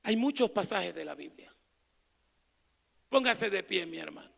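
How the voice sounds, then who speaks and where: A man preaching an evangelical sermon as pastor, swinging between shouted proclamation and low, quiet asides. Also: animated, a little slow, vocal fry, in a large hall.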